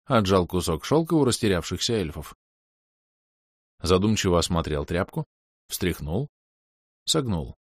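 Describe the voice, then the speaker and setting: A man reading a fantasy novel aloud in a wry, lively storytelling manner. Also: sits low, a little slow, pauses often, dry recording, clean studio sound. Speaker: audiobook narrator. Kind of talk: scripted narration.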